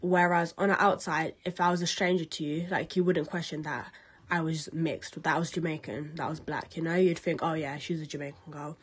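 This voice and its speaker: A young woman speaks in a fairly low voice, candid and outspoken, in a relaxed interview. She rants openly and drops swear words without hesitation. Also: brisk, breathy edge. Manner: candid, ranting, swears freely. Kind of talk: casual personal interview.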